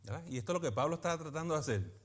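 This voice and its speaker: A man, a pastor teaching a Bible study in a lively preaching manner, often asking his listeners for agreement. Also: fairly high pitch, racing, breathy edge. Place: church meeting in a school building.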